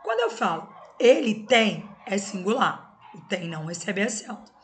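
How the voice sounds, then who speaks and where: A woman's voice: medium pitch, big pitch swings, normal speed. A woman teaching an exam-prep grammar lesson, explaining step by step and often checking in with her students. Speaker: Portuguese teacher.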